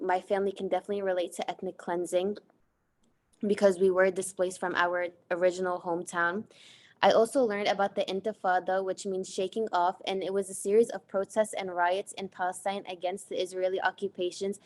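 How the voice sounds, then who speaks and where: Earnest young woman with a flat voice. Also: mid-range voice, brisk. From United States. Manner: earnest, reads from slides with fillers. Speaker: student presenter. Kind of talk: presenting a class project.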